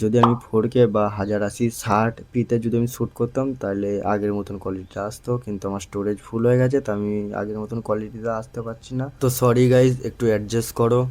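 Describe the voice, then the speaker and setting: A man's voice: lowish voice, little pitch movement, quick pace, hardly any pauses, a little mellow. A young man vlogging casually to camera, chatting to his viewers as guys while lying on a parked motorbike outdoors at night, filmed on a phone held close. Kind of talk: casual vlog talk to camera.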